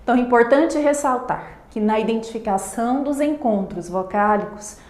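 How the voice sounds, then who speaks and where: A woman teacher from Brazil giving a recorded grammar lesson, explaining slowly and stressing each example word. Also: a little high, a little mellow, reverberant.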